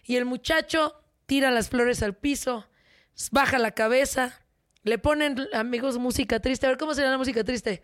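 A young woman with a Mexican Spanish accent hosting an entertainment segment, teasing and animated, tossing English words into her chat. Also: high-pitched, moderate pace. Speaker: entertainment show host. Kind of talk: playful showbiz chat.

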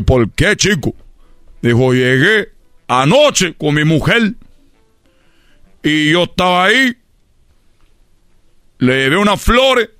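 A man's voice: a little high, no echo, clean studio sound. A man putting on a brash Cuban ballplayer. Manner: brash storytelling, loud exclamations. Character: boastful male Cuban baseball player. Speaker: radio comedian. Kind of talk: comedy sketch radio bit.

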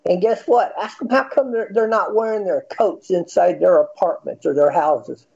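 A man in his fifties with an American accent and a high-pitched voice, arguing bluntly and swearing in a heated casual debate. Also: normal speed, gravelly, darkish tone, dull audio. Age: 50s. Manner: argumentative, blunt, profane.

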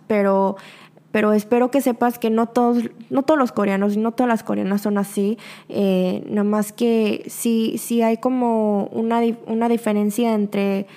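A young woman with a Mexican accent, hosting a podcast and chatting casually in reply to a listener's voice message. She talks in an animated way, acts out quoted lines and laughs often. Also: a little high. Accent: Mexican Spanish. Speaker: podcast host.

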